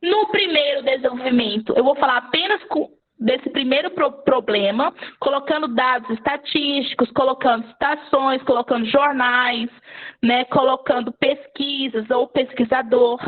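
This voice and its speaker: A woman's voice: high voice, normal speed. A Brazilian woman teacher giving a live online writing class, patient and repeating key points. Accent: Brazilian Portuguese. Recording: phone-like narrow audio.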